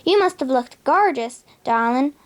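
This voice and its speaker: An excitable, sentimental blue genie from a children's storybook read by a young female. He is chummy and exclamatory, with a high, breezy voice. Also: measured pace. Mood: amused.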